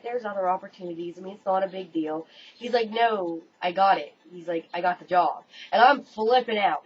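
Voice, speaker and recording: A young American woman telling a story to her webcam in an animated, casual way, swearing freely. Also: lowish voice. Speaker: vlogger. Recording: dull lo-fi webcam audio, faint room noise.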